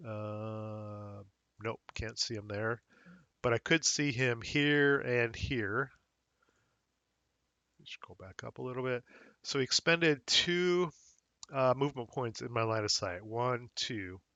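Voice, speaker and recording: A man with a slightly hoarse voice walks through game rules in a relaxed, thinking-aloud way, dropping fillers as he checks details. The recording is close and dry with no room sound, and a bit dull in the highs. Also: takes it slowly, dry recording. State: slightly hoarse, losing his voice. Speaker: wargame tutorial host.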